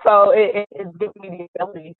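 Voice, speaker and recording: A woman from the southern United States with a hoarse, raspy voice, speaking conversationally as a podcast guest. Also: medium pitch, level tone, fast talker, no room sound. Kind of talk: conversational interview. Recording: thin phone-like line.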